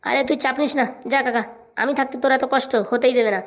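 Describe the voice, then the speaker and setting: This is a cocky young nephew in a cartoon who boasts and schemes, played by a woman. He talks very fast, with a swaggering, bossy push behind his words. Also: high-pitched, fairly even intonation. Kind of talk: cartoon voice acting.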